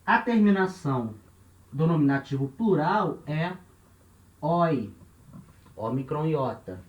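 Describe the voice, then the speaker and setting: A man's voice: on the high side, animated, slow, highs cut off. Patient Brazilian male teacher, roomy echo. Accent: Brazilian Portuguese. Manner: patient, repeats key points, checks in with "né" and "tá". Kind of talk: grammar lesson at a board.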